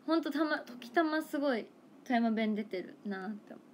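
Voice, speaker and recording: A young woman chats on a livestream in a slightly high voice. She thinks aloud, wanders from point to point, and laughs easily, with a faint hiss of noise behind her. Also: lively intonation. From Toyama, Japan. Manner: chatty, musing aloud, quick to laugh. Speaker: idol livestreamer. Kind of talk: casual livestream chat.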